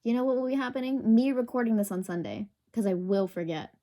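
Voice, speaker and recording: A woman's voice: fairly high pitch, fast, warm tone. A young woman hosting a casual solo podcast into a sensitive desk microphone, rambling and self-conscious, full of fillers. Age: young adult. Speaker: podcast host.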